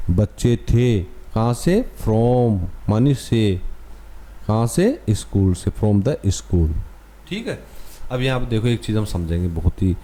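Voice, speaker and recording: Indian male teacher for a kids' English lesson, patient, spells words out, slow unhurried delivery, very dark and mellow tone. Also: lowish voice. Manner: patient, repeats words and spells them out letter by letter. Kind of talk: explaining an English lesson to young pupils.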